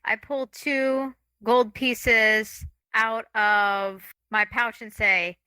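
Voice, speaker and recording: Female player, sharp bright tone, pushy, dry room. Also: on the high side, fairly even intonation, very slow, clear, resonant tone, no room sound. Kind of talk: playing a tabletop game.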